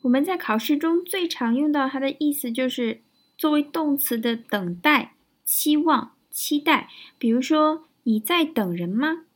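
Teaching English vocabulary, this woman talks a little slowly in a high-pitched, expressive voice. She walks through each word step by step, constructs example sentences, and often asks "right?" to check in.

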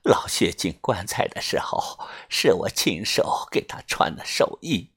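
A man's voice: lowish voice, big pitch swings, measured pace, a bit bright, voice pushed down, exaggerated voice. A man playing a terrified old woman. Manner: breathy half-whispered pleading.

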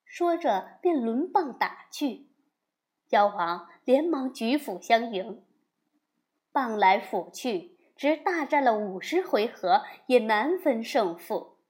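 A woman narrates a classic story slowly and expressively, with a lively voice that swings up and down. Her pitch sits a little on the high side, and she leans into each character.

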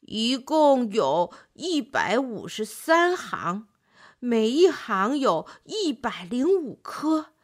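A woman voicing a slow, easygoing male snail in a children's storybook, drawling every word. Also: high-pitched, big pitch swings, voice pushed up, heavily acted. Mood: matter-of-fact. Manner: drawls slowly.

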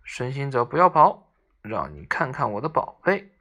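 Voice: medium pitch, big pitch swings, normal speed, sharp tone. A storyteller voicing a boastful, fierce male demon king who mocks and threatens, in a children's storybook reading. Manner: mocking, threatening.

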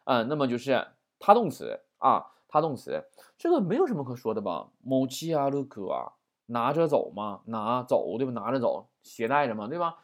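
A man's voice: medium pitch, big pitch swings, normal speed. A man teaching a vocabulary lesson in a chatty way, often asking "right?". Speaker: Japanese language teacher.

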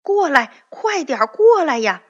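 Brave tin man, bold and loud, slow breathy delivery, woman reading. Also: a little high, big pitch swings, full character voice. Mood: calling. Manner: loud, calling out boldly. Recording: dull lo-fi recording.

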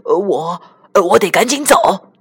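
A woman's voice: medium pitch, expressive, husky, exaggerated voice. A woman doing a big hesitant storybook lion. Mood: wary. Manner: hesitant, drawn-out. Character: big roaring lion, male, grand then scared.

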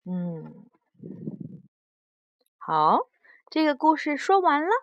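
A woman reading a storybook aloud to her young child at bedtime, animated and coaxing, asking the child questions along the way. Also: high-pitched, slow pace, no room sound, highs cut off.

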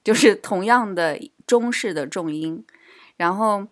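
A woman's voice: mid-range voice, unhurried. A woman from China co-hosting a casual podcast chat, explaining things at length with lots of fillers. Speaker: podcast co-host.

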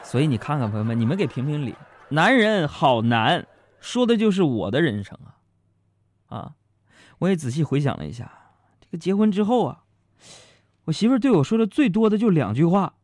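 A man's voice: fairly high pitch, sing-song, a little fast, long pauses, darkish tone, no echo. A man hosting a radio show, telling comic stories about his marriage in a chatty, joking manner, speaking straight to his listeners. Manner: chatty, jokey, addresses listeners directly. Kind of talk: comic monologue.

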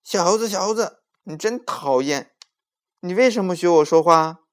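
A man voicing a naughty little boy who copies everyone, calling out in a high, pleading voice. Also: expressive, moderate pace.

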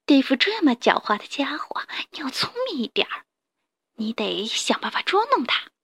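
A crafty fox from a children's storybook, played by a woman narrator, murmuring her plan in a soft, secretive half-whisper. The voice stays dry and close to the mic. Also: fairly high pitch, expressive, normal speed, husky, no room sound. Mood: scheming. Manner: hushed, conspiratorial whisper. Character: sly clever fox neighbor giving advice.

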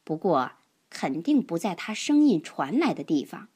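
A woman voicing a kind, playful female checkered elephant in a children's storybook, speaking calmly with a teasing edge. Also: lowish voice, normal speed, slightly rough.

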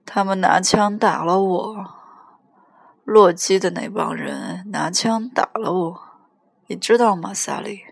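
A woman voicing a drunk teenage boy on the phone, slurred, loud and pleading. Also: mid-range voice, slow, long pauses, no echo, studio quality.

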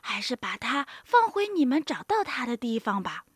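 A woman voicing a frail little old woman with a shrill, high voice in a storybook reading. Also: big pitch swings, normal speed, breathy edge, no room sound, clean studio sound. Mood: scolding, kindly.

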